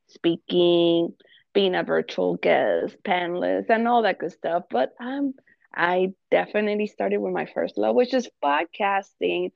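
Gravelly-voiced chatty woman podcast host. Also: mid-range voice, no echo, dull audio. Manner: chatty, laughs often, talks over the guest. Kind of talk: casual interview chat. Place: living room.

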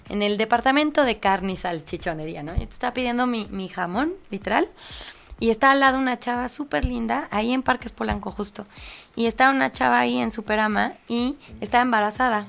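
A woman with a Mexican accent, a guest on an interview show, telling stories in lively casual chat and acting out the voices of the people in them. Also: a little high, quick pace, creaky. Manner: animated storytelling, acts out quoted voices, laughs often. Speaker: angel medium guest.

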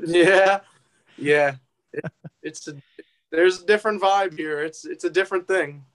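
A man's voice: high voice, measured pace, a bit bright. A young man from New Jersey, a musician guest, chatting in an easygoing, hesitant way with many fillers. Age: young adult. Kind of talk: casual interview chat.

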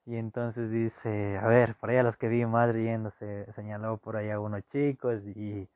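A young man telling a personal anecdote casually, jumping between loud bursts and hushed asides. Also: on the low side, flat delivery, unhurried, dry recording. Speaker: storyteller. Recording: dull lo-fi dry recording.

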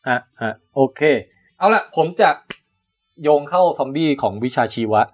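A man's voice: on the high side, lively intonation, a little slow. A man hosting a casual science podcast, explaining at length and laughing often. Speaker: podcast host, biologist.

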